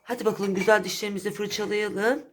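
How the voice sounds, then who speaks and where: A woman's voice: medium pitch, steady tone, brisk, noisy background. A woman in her thirties, a mother and family vlogger, chatting in a coaxing way to her child and her viewers. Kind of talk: family vlog chat.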